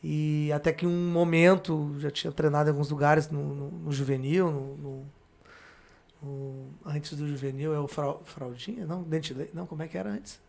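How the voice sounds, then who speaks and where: A male podcast guest with a fairly high voice for a man. He has a southern Brazilian, Porto Alegre accent. He chats casually and haltingly, circling back to reword things. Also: steady tone, vocal fry, darkish tone. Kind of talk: casual chat.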